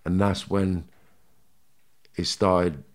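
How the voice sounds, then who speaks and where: Scouse bloke, proper liverpool accent, deep voice, chatting candidly about his life like on an interview. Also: fairly even intonation, extremely slow. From Liverpool, England. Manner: colloquial, often checks in with "you know" and "right". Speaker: interview guest. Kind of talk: candid personal storytelling in conversation.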